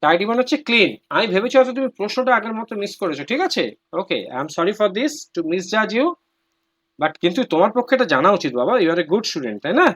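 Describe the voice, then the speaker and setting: A man's voice: high voice, sing-song, a little fast, fairly bright tone. A man teaching English to children in an online class, firm and repeating his prompts, heard over a video call.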